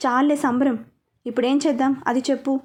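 Woman voicing a calm, reasoning father. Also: high-pitched, fairly quick, natural voice. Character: middle-aged father, calm, worried.

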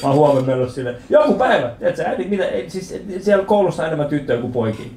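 A man in his thirties doing a stand-up comedy set in a club, telling stories with animated acted-out voices and lots of swearing. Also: on the high side, a little hiss or hum. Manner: animated storytelling, acts out quoted voices, swears freely. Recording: roomy club with audience laughter.

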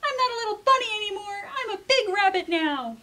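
A woman's voice: very high-pitched, lively intonation, a little fast, sharp tone, pitched above the performer's own voice, full character voice. A woman voicing a pleading, insistent young boy rabbit from a storybook in a whiny way.

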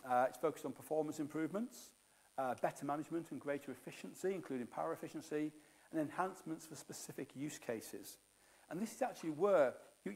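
A man's voice: on the high side, darkish tone. Middle-aged guy on stage at a conference, techy keynote, lots of uhs. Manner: explanatory, jargon-heavy with frequent fillers. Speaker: keynote speaker.

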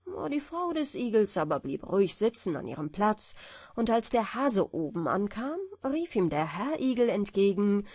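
A woman narrating fairy tales as a bedtime audiobook, in a slow, expressive storytelling way. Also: mid-range voice, no room sound, clean studio sound. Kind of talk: fairy-tale reading for sleep.

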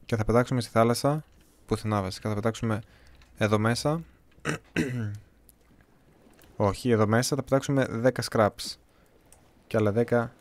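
A young man from Greece giving casual, chatty gameplay commentary, talking to viewers with a slightly hoarse voice. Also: mid-range voice, a little mellow. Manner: chatty, talks to viewers, jokey self-talk. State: voice a bit hoarse, clearing throat.

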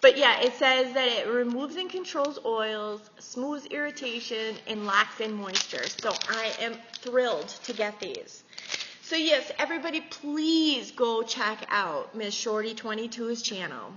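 A woman's voice: on the high side, lively intonation, measured pace. A woman, chatting and giggling as she gushes over gifts in a vlog. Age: 40s. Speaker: beauty vlogger. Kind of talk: casual chat showing gifts. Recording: echoey, slightly dull with faint hiss.

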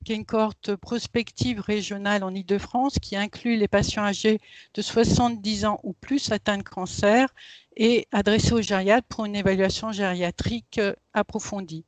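A woman's voice: medium pitch, steady tone, moderate pace, no room sound. A woman professor giving a hesitant conference talk over a video call through a headset mic, her voice cut up by a choppy connection. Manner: hesitant, many filler sounds. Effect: choppy online connection. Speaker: professor presenting a research cohort.

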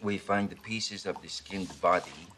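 An actor playing a middle-aged man who hunts a creature, speaking with a halting French Canadian accent and many pauses. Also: low-pitched, bright, forceful tone. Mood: rambling. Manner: halting, full of uhs. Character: gruff middle-aged male hunter of a creature. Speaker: film character, investigator.

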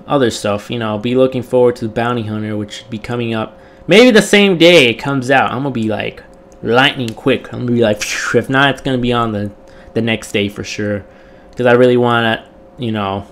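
A tired young man hosting a gaming channel, chatting casually to viewers in a rambling, repetitive way, his throat still recovering from strain. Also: mid-range voice. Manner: rambling, repetitive, with many fillers.

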